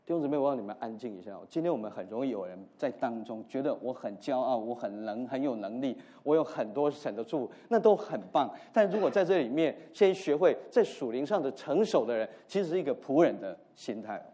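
A man preaching a sermon as a pastor, swinging from loud emphasis to soft asides and dropping English words into his teaching. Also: mid-range voice, expressive, fairly quick, hardly any pauses.

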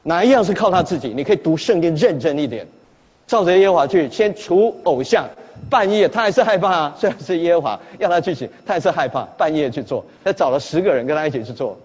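A man's voice: fairly high pitch, animated, quick pace, a little mellow, slightly rough. A man preaching a sermon as a pastor, speaking emphatically and asking his listeners rhetorical questions. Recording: echoey hall, dull lo-fi sound.

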